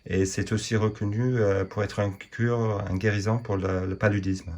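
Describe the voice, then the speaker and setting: A man's voice: fairly low pitch, flat delivery, moderate pace, a little mellow. A man who is not a native French speaker, talking casually as a vlog host in slightly broken, hesitant French with small grammar slips. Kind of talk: casual vlog talk, showing viewers around. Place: outdoors in a garden and in a greenhouse.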